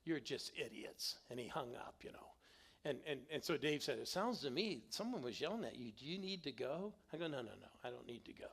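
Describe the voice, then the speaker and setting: A man's voice: medium pitch, fast, gravelly, husky. A middle-aged man, a guest pastor, tells stories in a sermon and calls on the congregation to answer back. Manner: animated, calls on the congregation to respond. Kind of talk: storytelling sermon. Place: church sanctuary.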